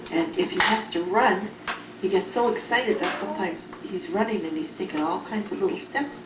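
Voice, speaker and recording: A group home care worker speaks as if recording an audio letter to a child, explaining things in simple phrases. Her voice is medium-pitched at normal speed. It was captured on a cassette recorder at a distance, so the tape sounds roomy and noisy.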